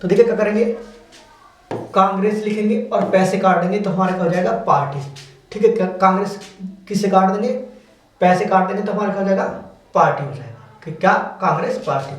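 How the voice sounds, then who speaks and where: A man's voice: sits high, fairly quick. A man teaching a lesson, explaining step by step in a patient, repetitive way. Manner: repetitive, patient, says "dekhiye" often. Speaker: shorthand teacher. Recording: very echoey room, distant mic, faint hiss.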